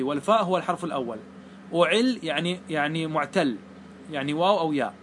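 A man's voice: on the high side, fairly bright tone, slight background noise. A man teaching Arabic grammar, explaining a classical poem line by line, patient, repeating his points and checking that the students follow.

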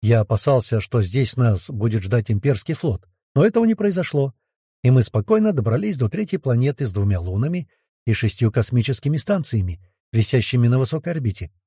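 A man giving steady first-person scripted narration of a science fiction audiobook. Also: mid-range voice, brisk, husky, no echo, studio quality.

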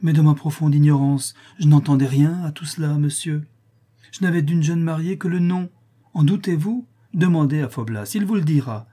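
Effusive young noblewoman pleading her case, pitched up, read by a man. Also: moderate pace, dark tone, breathy edge. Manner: pleading, effusive, rising higher. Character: young countess, passionate and impulsive.

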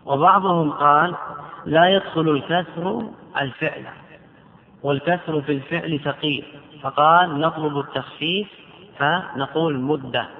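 A man with a somewhat high voice teaches grammar in a measured classroom manner, stretching out example words and repeating them. The sound is thin and phone-like, with a long hall echo behind him. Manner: slow, drawn-out example words, repeated for drilling.

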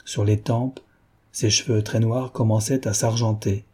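Brief: male audiobook narrator, measured; dark, husky, lowish voice. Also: level tone. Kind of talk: scripted narration of a classic novel.

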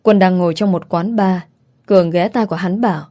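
A woman's voice: lowish voice, brisk. A woman reading a first-person story aloud in an emotional, dramatic manner. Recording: soft music underneath.

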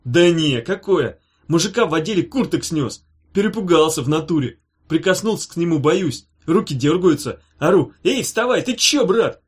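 Man doing a rowdy cheerful young guy, storybook, loud, brash, slangy. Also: a little high, expressive, a little fast. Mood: boisterous. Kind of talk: audiobook character voice.

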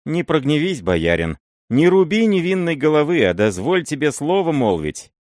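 A man voicing a timid, fawning old miller who pleads in a high, wheedling voice. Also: huge pitch swings, moderate pace, no room sound, studio quality. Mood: fearful. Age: older. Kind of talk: audiobook character voice.

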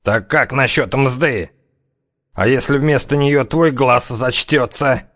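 A man voicing a cocky, menacing gangster who threatens in slow, drawling criminal slang. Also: mid-range voice, a bit bright, voice pushed up. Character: tough one-eyed-gouging gangster, cocky, menacing.

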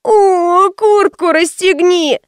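A woman's voice: very high-pitched, fairly even intonation, takes it slowly, no echo, clean studio sound, voice pushed up. A woman voicing a cranky five-year-old girl who whines and wails, in an audiobook. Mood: whining. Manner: whining, wailing.

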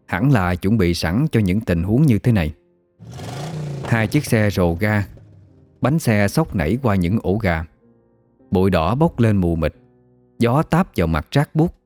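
A man, narrating a ghost story in a steady, measured way. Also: lowish voice, dry recording.

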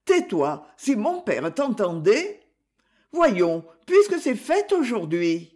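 A man reading aloud plays an anxious young bride, gentle and pleading, in a storybook. The voice is lifted high above his own, with a lively, swinging pitch. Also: takes it slowly, heavily acted.

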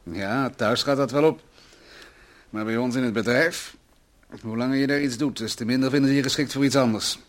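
In a radio play's domestic dialogue, a man plays a worried, earnest husband who is a brooding company economist with a taste for rhetoric. His mid-range voice moves briskly and sounds close to how someone would ordinarily speak.

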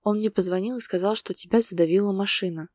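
A woman's voice: medium pitch, steady tone, fast, darkish tone, no room sound, clean studio sound, lightly acted. A woman reading the lines of a restrained man who is torn up with emotion, speaking tense and urgent in a storybook reading. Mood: tender. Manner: tense, urgent, speaking through gritted teeth. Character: distraught adult man, restrained but emotional lover.

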